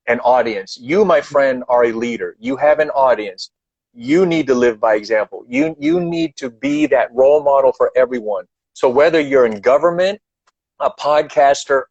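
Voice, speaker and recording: A man's voice: medium pitch, a little mellow, husky, dry recording. Man giving earnest advice over a video call, hammers points home, kinda muffled and dry. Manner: emphatic, repeats key points. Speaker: guest leadership speaker. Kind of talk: earnest advice in a live online chat.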